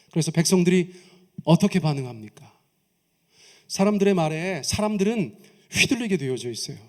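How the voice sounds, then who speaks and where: A man preaching a sermon as pastor, who leads his congregation in reading aloud, asks them questions, and swings between raised emphasis and soft low asides.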